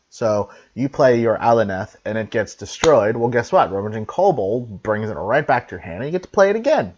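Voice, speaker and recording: A man talks through game cards in a casual, chatty review, dropping the odd swear word. His pitch swings up and down a lot as he talks. The recording is dull and lo-fi. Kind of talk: casual card review commentary. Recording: dull lo-fi mic.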